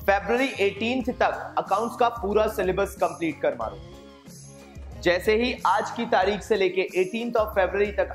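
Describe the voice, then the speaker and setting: A young man, a commerce teacher, gives casual exam study advice straight to his students, mixing Hindi and English. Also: high voice. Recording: roomy echo with faint music.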